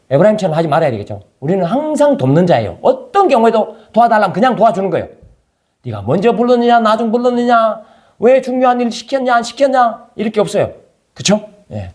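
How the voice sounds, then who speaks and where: A man's voice: high voice, a little mellow. A male pastor preaching a conversational sermon, firing rhetorical questions at his congregation.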